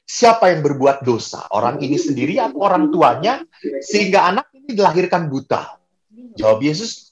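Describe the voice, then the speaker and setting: Priest telling stories with humor. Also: male voice, a little high. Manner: storytelling with humor, acts out quoted voices. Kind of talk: sermon.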